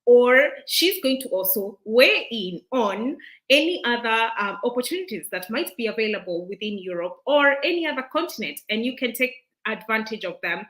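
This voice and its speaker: A woman's voice: on the high side, lively intonation, normal speed, fairly bright tone, low-quality recording. A woman from Kenya hosting a live online interview, chatty and eager, with many fillers and restarts. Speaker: host.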